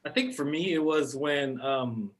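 A man's voice: on the high side, measured pace. A man, a former baseball player, answering in an interview in an earnest, casual way with a bit of slang.

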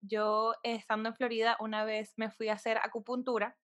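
Woman, fairly high voice, casual podcast host, Spanglish with English words dropped in, dry recording. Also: little pitch movement, normal speed, fairly bright tone, dry recording. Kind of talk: casual, conversational podcast hosting.

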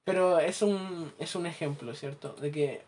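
A man with a Chilean accent chatting casually as a podcast co-host, acting out his anecdotes with lively asides. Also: on the high side, unhurried. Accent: Chilean Spanish. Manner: animated storyteller, acts out anecdotes, laughs at his own jokes. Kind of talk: casual chat.

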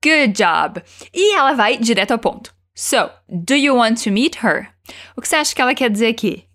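A woman teaching English, encouraging learners and slowing down to model each phrase for them to repeat. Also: on the high side, very animated, fairly bright tone. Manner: encouraging, slows down to model pronunciation. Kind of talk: language lesson with repeat-after-me drills.

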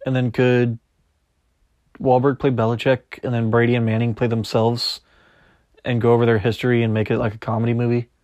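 A man's voice: medium pitch, little pitch movement, fairly quick, darkish tone, dry recording, dull audio. Chatty young man, dry close mic. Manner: rambling, self-correcting, chatty. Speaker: podcast host. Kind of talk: solo podcast sports chat, reading news aloud.

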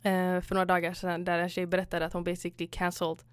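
A woman chats casually and retells a story, voicing each person in turn and dropping English phrases into her speech. Her voice is smooth and clear. The recording is dry and close, with no room sound. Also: on the low side, completely flat delivery, no echo. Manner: retells stories acting out both sides, mixing in English phrases. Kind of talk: casual chat.

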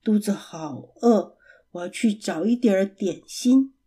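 A woman's voice: mid-range voice, unhurried, warm tone, slightly rough. A woman voicing a playful small male animal friend in a children's story, chattering and giggly. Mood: hungry.

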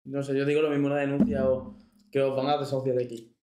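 A man's voice: mid-range voice, little pitch movement, fast, warm tone, echoey room. A man from Spain co-hosting a streamed talk show, joking crudely and laughing often. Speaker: podcast co-host. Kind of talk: crude casual banter.

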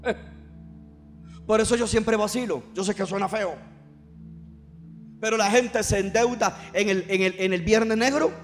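A man preaches in church with a fervent, rising-and-falling delivery and calls on the congregation to answer him aloud. His voice sits a little high for a man. Faint music plays under the live church sound. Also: unhurried, pauses often. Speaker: pastor. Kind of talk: sermon.

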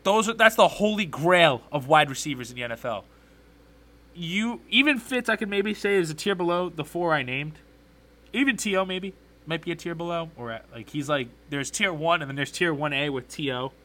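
Bright-voiced man ranting about sports. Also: a little high, animated, normal speed. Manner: opinionated, rambling, conversational. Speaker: podcast host. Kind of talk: casual sports talk commentary.

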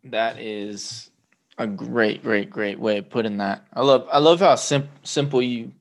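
A man's voice: mid-range voice, a little slow. Emphatic, casually swearing man. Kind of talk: casual conversation.

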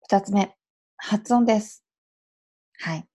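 A woman's voice: medium pitch, takes it slowly, warm tone, slightly rough. A Japanese woman in her thirties hosting a solo podcast as an English coach, explaining in a chatty way and dropping in little affirming asides. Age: 30s. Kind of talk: casual solo podcast advice.

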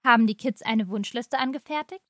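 A woman voicing a pushy, irritable mother-in-law while reading a short story aloud, her speech loud and indignant. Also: a little high, a little fast, no room sound, clean studio sound, close to an everyday voice. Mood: irritated, pushy.

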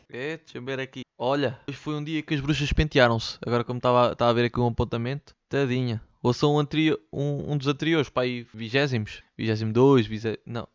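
Fast-talking, swearing Lisbon podcaster man. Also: mid-range voice, no echo, lo-fi sound. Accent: European Portuguese, Lisbon slang. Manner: rambling, swears a lot, slangy and joking. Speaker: podcast host. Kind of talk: casual solo podcast rant. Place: his bedroom. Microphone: studio mic, sometimes off-axis.

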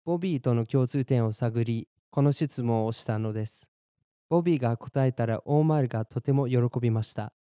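His mellow mid-range voice comes through studio-quality audio without echo. This young podcast language teacher, born in Germany and brought up in Boston, narrates a bilingual Japanese–English lesson with measured clarity and slower repeat drills.

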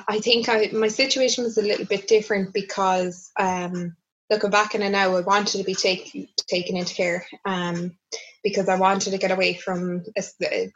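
A woman's voice: mid-range voice, muffled recording. A young Irish woman, a guest researcher in a casual interview, talking candidly and reflectively, her voice from a video call re-recorded through a speaker.

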